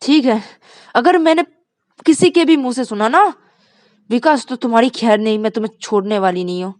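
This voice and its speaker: A woman voicing a furious young woman who shouts sharp accusations. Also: fairly high pitch, fairly quick, no echo, pitched above the performer's own voice, lightly acted. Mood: furious accusing. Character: furious jealous young woman, quick to slap.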